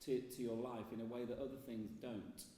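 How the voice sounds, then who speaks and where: A British man hosting a live interview, reflective and halting, with poetic turns of phrase. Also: mid-range voice, fairly even intonation, mellow. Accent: British English. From English Midlands. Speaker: interviewer, host. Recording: very echoey hall, distant mic, faint noise.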